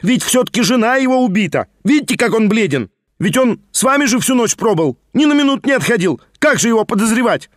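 A man voicing a fast-talking, scheming young nobleman who chatters and insists without pause. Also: on the high side, animated, no room sound, clean studio sound. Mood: frantic.

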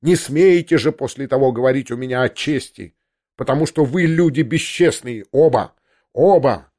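A man's voice: medium pitch, moderate pace, a little mellow, lightly acted. A man voicing an arrogant aristocratic prince in an audiobook, speaking with cutting contempt and mockery. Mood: contemptuous. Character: arrogant aristocratic prince, scornful, pacing in anger. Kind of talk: audiobook character reading.

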